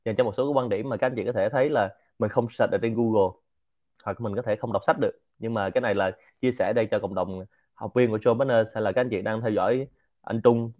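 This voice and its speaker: Quick guy w a quang nam accent lecturing, tosses in english words, kinda muffled lo-fi audio. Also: lowish voice. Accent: Central Vietnamese, Quảng Nam. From Quảng Nam, Vietnam. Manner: lively, mixes English words into his talk. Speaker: speaker hosting a Q&A session. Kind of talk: informal lecture to a community.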